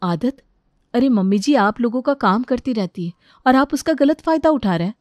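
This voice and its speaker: Cheerful cartoon bride, bright and eager voiced by a woman narrator. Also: fairly high pitch, animated, moderate pace, dry recording, lightly acted. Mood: chirpy. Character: cheerful young daughter-in-law.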